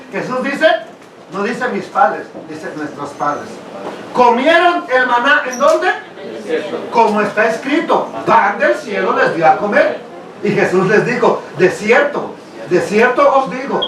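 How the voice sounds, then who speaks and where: A man preaching a sermon, animated, often questioning his congregation and laughing. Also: very high voice, noisy background. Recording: echoey room, mic at a distance.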